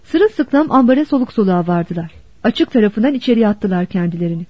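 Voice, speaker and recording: A woman narrating a novel as an audiobook in a steady, expressive storytelling manner. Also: medium pitch, brisk, slightly rough, no echo. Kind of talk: scripted narration. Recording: dull dry lo-fi recording.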